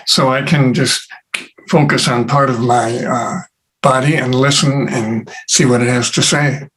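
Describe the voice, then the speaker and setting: A man who is an interview guest, telling stories in an unhurried way with many pauses and fillers. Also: mid-range voice, steady tone, fairly bright tone, a little hiss or hum, low-quality recording. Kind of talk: casual conversation.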